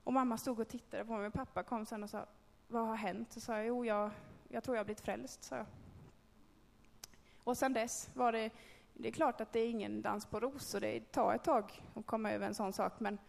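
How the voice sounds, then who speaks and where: Woman sharing a personal testimony to a group, conversational and halting, gravelly tone, recorded in a reverberant hall. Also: a little high, steady tone, slight background noise. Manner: candid, conversational storytelling with hesitations. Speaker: speaker telling a personal faith story.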